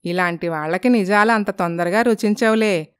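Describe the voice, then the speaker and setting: Brief: woman voicing taunting, nosy village aunty, smooth dry voice, cartoon story. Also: medium pitch, normal speed, no room sound, lightly acted. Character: gossiping middle-aged village aunty, mocking and nosy. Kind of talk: animated storybook voice acting.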